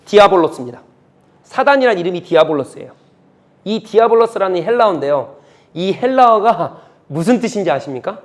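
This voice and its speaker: A male pastor preaching a sermon, emphatic and repetitive, dropping from loud urging to a hush. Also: high-pitched, expressive, a little fast. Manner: emphatic, repetitive, swings between loud and hushed.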